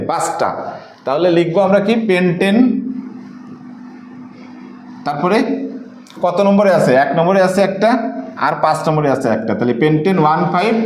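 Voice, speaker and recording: A man's voice: on the high side, darkish tone. A man. He asks the class questions and then answers them. The room has a noticeable echo. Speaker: chemistry teacher. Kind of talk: whiteboard lecture. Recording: echoey room.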